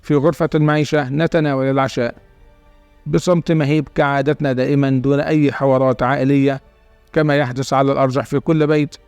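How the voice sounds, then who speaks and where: A man narrating a dramatic first-person story in a steady reading voice. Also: mid-range voice, gravelly, clear, resonant tone, no room sound.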